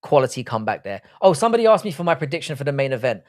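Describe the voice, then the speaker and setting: This early-forties British livestream host races through a casual chat, responding to live comments with big swings in his medium-pitched voice. He's blunt and crude, joking around in heavy slang.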